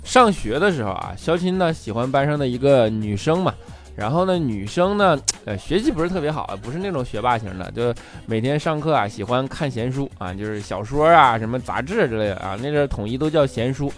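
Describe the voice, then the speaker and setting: A man telling comic stories as a host, jokey and lively, acting out quoted people in raised voices. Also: mid-range voice, brisk, faint music behind. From Northeast China. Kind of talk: comic storytelling monologue.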